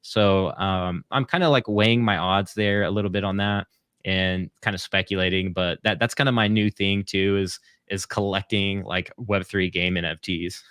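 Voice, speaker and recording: A male guest talks loosely and at length, circling his points with ums and "you know". His voice sits on the low side. The sound is dry and close to the mic. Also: fairly even intonation, normal speed, fairly bright tone, clean tone, dry recording. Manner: rambling, hesitant with many fillers. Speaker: guest, content creator. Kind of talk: casual interview chat.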